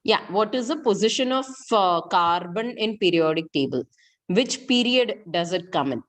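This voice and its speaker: Here the same kind of interactive online school lesson: a middle-aged Indian-accented woman teaching chemistry, questioning the class and repeating what matters most. Her lowish voice is animated and moves at a moderate pace.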